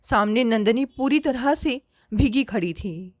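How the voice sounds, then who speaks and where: A woman reading a family story aloud in the first person, with steady, earnest storytelling. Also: fairly high pitch, measured pace, dry recording, studio quality.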